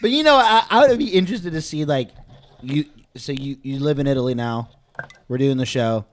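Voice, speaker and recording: A man's voice: mid-range voice, expressive, normal speed, slight background noise. A man, co-hosting a podcast in casual, crude, laughing banter. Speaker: podcast co-host. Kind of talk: casual chat.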